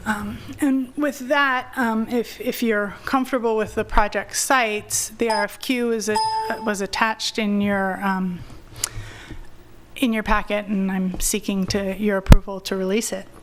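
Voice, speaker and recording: A woman's voice: medium pitch, steady tone, a little slow, background noise. A woman city staff member giving a report at a council meeting, hesitant, with many fillers and restarts.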